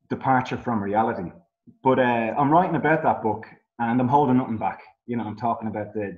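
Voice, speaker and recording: A man's voice: lowish voice, a little mellow. An Irish man talking candidly about his music in a rambling podcast chat, full of fillers. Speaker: musician guest. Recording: roomy, dull sound.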